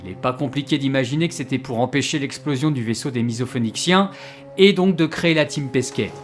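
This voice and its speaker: In a French audio drama, a man voices a gloomy, wry time traveller who is easily exasperated and explains things hesitantly, sounding grave and resigned. His natural voice is mid-range and brisk, with soft music in the background.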